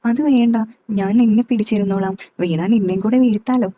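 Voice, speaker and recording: A woman's voice: mid-range voice, a little fast, close to an everyday voice. A woman reading as a teasing, playful aunt. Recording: slightly dull, dry recording.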